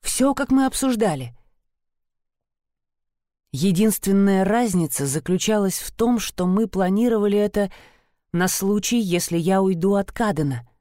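A young woman reads a dark first-person novel aloud in a dramatic, tense way. Her voice sits at an ordinary middle pitch. The recording is close and dry, with no room sound around it. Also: moderate pace, no room sound. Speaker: audiobook narrator.

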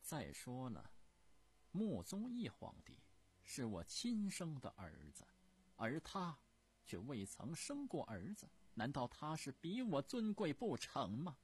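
A male storyteller voicing an imperious, furious old empress dowager who scolds in a shrill, haughty voice. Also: big pitch swings, unhurried, few pauses.

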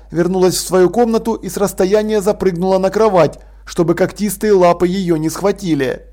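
Guy narrating a novel aloud, high-ish voice, calm steady storytelling. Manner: measured storytelling. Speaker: audiobook narrator. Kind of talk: scripted narration.

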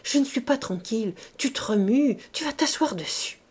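A woman doing a shrill, fretful bourgeois wife. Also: normal speed, a little mellow, slightly rough. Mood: whispering. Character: fussy anxious bourgeois wife, middle-aged.

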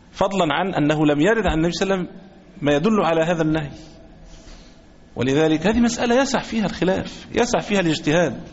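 A man with an Egyptian accent teaching a religious lesson as a sheikh, speaking deliberately and repeating his phrases. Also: on the high side, slight background noise. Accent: Egyptian Arabic. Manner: deliberate, repeats phrases, chants quoted takbir slowly. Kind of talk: religious lesson explaining a book. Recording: echoey hall, dull lo-fi sound.

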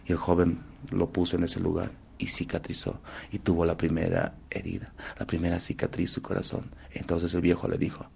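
A man narrating folk tales as a storyteller in an animated, expressive, dramatic way. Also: low voice, brisk, vocal fry, slight background noise.

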